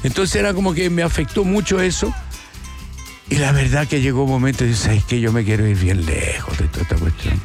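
A man's voice: medium pitch, fairly quick, faint music behind. A man in his forties with a Chilean accent, telling his story as a musician in a casual interview, rambling and reflective, restarting often. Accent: Chilean Spanish. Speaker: musician guest.

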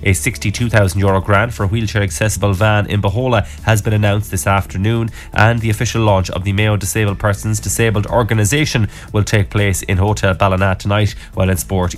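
Low-voiced Irish male newsreader. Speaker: radio newsreader. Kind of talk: scripted news headlines.

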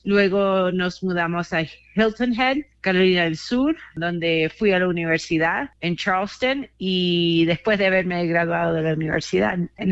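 A woman's voice: lowish voice, dry recording. A woman in her forties from Chile, reflecting on her life in a personal interview with many fillers. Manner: reflective, uses many fillers like "como que". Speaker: interview guest, community organizer. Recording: slightly dull, lo-fi sound.

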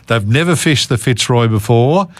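A man's voice: mid-range voice, animated, normal speed, no echo. Man, Australian accent, radio host, casual interviewing, dry studio sound.

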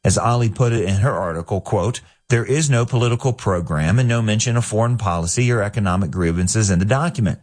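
Radio commentary host, man, fairly low voice, measured and pointed, asks sharp rhetorical questions.

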